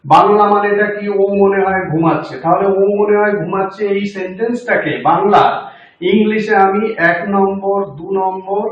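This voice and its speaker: High-voiced man teaching in an echoey room. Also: fairly even intonation, lo-fi sound. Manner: slow, step-by-step explaining with fillers. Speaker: English teacher. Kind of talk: grammar lesson.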